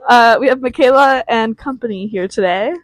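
A woman's voice: on the high side, moderate pace, no echo, poor audio. A woman hosting a podcast in casual chat, giggling and chatty. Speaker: podcast host.

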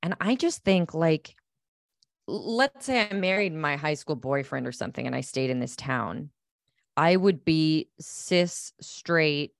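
A woman's voice: low voice, animated, a little slow, creaky, no room sound, studio quality. A speaker with a woman's voice from upstate New York, thinking aloud in a casual podcast chat with many "like"s.

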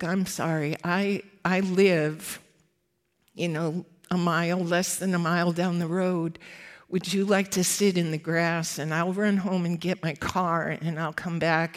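A ministry worker giving an update, telling a personal faith story in an earnest, reflective way. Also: mid-range voice.

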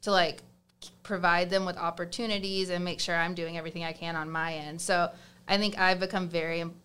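A woman's voice: fairly low pitch, little pitch movement, a little fast, fairly bright tone, clear, resonant tone. A young woman with a Southern US accent, chatting as a guest in a casual interview, with lots of fillers and restarts.

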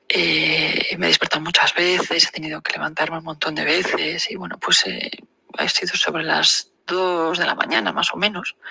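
A woman recounts a personal experience in a phone voice note, halting and full of fillers. Her voice is gravelly and husky. The recording is dry and close. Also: on the low side, pushed and bright, no room sound, low-quality recording. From Basque Country, Spain. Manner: hesitant, many fillers and pauses. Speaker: caller sending a voice message.

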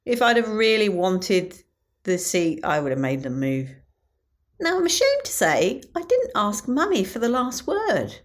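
A woman's voice: medium pitch, huge pitch swings, measured pace. A woman with a British accent, chatting through an audio diary as a podcast host. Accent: British English.

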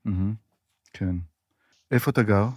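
A man's voice: lowish voice, a little mellow, no room sound, clean studio sound. A man with an Israeli accent, speaking as a podcast host who introduces and interviews.

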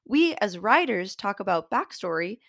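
Still nasal and congested as she recovers from a cold, a woman author hosting a fiction writing show explains things directly to listeners in scripted, articulate narration. Her medium-pitched voice is sing-song, creaky, and fairly bright, moving at a moderate pace, captured dry at studio quality.

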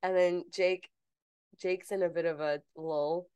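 A woman's voice: fairly low pitch, steady tone, unhurried, dark tone, clear, resonant tone, no room sound, lo-fi sound. A woman co-hosting a podcast in casual, teasing chat. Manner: chatty, teasing, reads bits aloud. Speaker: podcast co-host.

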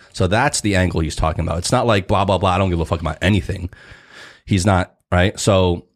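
A man co-hosting a podcast, talking at length in a loose, conversational way. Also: deep voice. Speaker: podcast co-host. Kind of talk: casual podcast chat.

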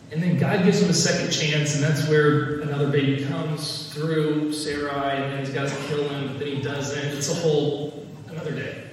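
Male pastor, chatty and jokey sermon, fairly high voice, distant mic in a reverberant hall. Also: slight background noise. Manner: casual, conversational, jokey.

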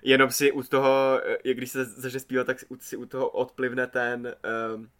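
A Czech man co-hosting a podcast, chatting casually and rambling with many fillers. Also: medium pitch. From Czech Republic. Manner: rambling, animated, swears casually. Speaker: podcast co-host. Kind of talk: casual chat.

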